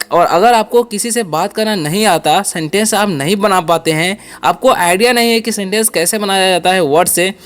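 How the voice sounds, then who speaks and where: A man teaching spoken English, repeating each point and answering his own questions, with example sentences said slowly and carefully. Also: high voice, smooth.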